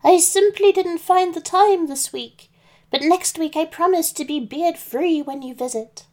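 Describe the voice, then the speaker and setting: A woman's voice: very high voice, measured pace, warm tone, pitched above the performer's own voice. A woman voicing a wolf who pretends to be a sweet old grandmother, in a sugary, fussy put-on old-lady voice. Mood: sugary fake. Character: big wolf faking a sweet old granny.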